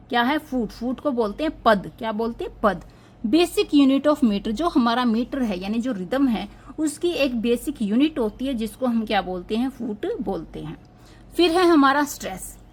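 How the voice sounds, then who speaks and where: A woman teaching an exam-prep lesson on literary terms. She asks a question and answers it herself, and she slows down to spell out English terms. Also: a little high, expressive.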